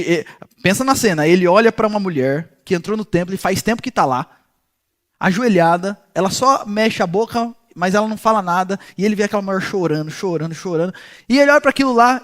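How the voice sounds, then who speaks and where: A man teaching a Bible passage in an animated storytelling way, talking directly to his listeners. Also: high voice. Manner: speaks directly to listeners as "gente". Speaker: pastor teaching a Bible study.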